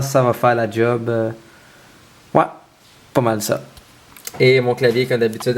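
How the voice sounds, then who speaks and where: A man from Quebec with a Québécois accent, rambling and joking playfully in a casual vlog. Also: medium pitch. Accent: Québécois French. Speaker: vlogger.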